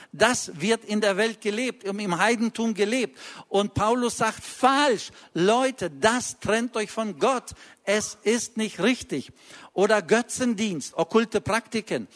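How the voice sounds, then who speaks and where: A man preaching a sermon in an earnest, admonishing way, stressing short blunt phrases. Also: high-pitched. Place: church service.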